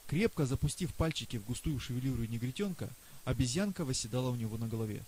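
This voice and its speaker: A man giving measured scripted narration as an audiobook reader. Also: medium pitch, expressive, warm tone, rough recording. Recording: faint hiss.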